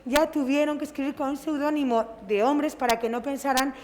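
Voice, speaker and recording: A woman author, telling a lively anecdote on a panel and acting out the dialogue. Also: high-pitched, fairly quick. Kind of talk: casual storytelling. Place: convention hall. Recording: reverberant hall, background noise.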